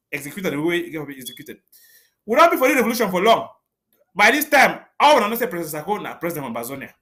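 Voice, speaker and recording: This man talks in Cameroonian Pidgin English, high-pitched and quick. His tone is bright and sharp, and he drives each point home with forceful, repeated warnings as a commander addressing listeners on a live interview. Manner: forceful, declamatory, repetitive warnings. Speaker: commander speaking as a guest.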